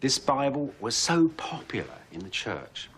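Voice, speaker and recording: A middle-aged man presenting a documentary in a lively storytelling way with wry asides. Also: mid-range voice, measured pace, slight background noise.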